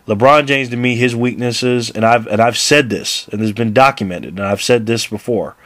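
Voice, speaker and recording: A man's voice: medium pitch, moderate pace, a bit bright, dry recording. A man in his thirties talking casually to camera about basketball, laughing often and rambling with restarts. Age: 30s. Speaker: basketball vlogger.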